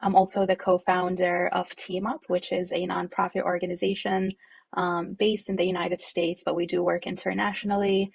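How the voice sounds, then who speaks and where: A woman who co-founded a nonprofit, originally from Jordan, answering interview questions in a reflective, conversational way with frequent fillers and soft laughs. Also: on the low side, flat delivery, moderate pace, creaky, slightly rough, dry recording.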